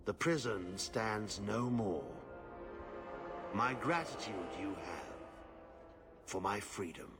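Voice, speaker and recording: An actor playing a weary old male warden who speaks slowly and gravely. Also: fairly low pitch, lively intonation, over music. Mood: grateful. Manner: slow, solemn, grave.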